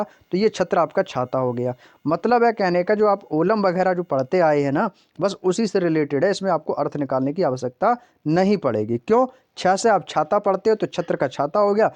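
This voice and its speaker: A man's voice: high voice, a little mellow, dry recording. A man teaching an exam-prep grammar lesson, often asking questions and answering them himself. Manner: repeats questions to the class, calls listeners "friends". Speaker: Hindi teacher.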